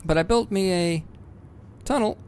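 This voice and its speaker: A man giving rambling, casual let's-play commentary on his game, swearing freely and breaking into excited bursts. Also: high voice, unhurried, slight background noise. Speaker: gaming video host.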